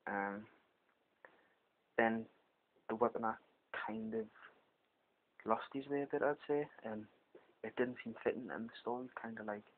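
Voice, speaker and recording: Low-voiced British man, dull lo-fi recording. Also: measured pace, pauses often. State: hungover. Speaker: comic book reviewer. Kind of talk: casual, unscripted video review. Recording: dull, lo-fi amateur microphone sound.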